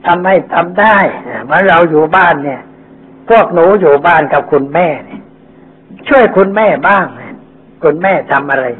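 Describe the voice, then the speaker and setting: An older man, a Buddhist monk, giving a folksy sermon and telling stories in plain speech. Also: on the high side. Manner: folksy storytelling, acting out quoted characters. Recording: tinny phone-like old recording with faint hiss.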